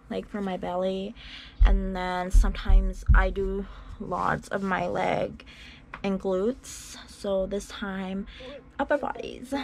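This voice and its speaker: A woman's voice: mid-range voice, slight background noise. A young woman chatting casually to a handheld phone camera, rambling with lots of fillers. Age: young adult. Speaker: vlogger. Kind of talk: casual vlog chat. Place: small bedroom and parked car. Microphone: phone camera at arm's length.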